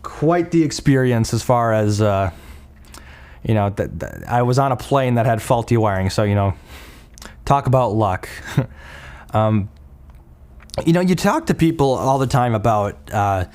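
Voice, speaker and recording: A man's voice: medium pitch, lively intonation, a little slow, darkish tone. Rambling young man hosting a podcast. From Minnesota. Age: young adult. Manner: rambling, many fillers and restarts. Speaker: podcast host. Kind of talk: casual solo podcast.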